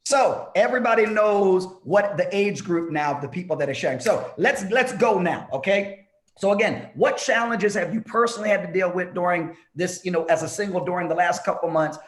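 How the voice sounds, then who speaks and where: A man in his fifties with a high voice hosts a casual church group chat over a video call, cheerful and encouraging as he nudges people to share. The room around him rings with echo. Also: expressive, a little fast. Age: 50s. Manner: upbeat, encouraging, teasing. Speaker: bishop hosting a singles discussion.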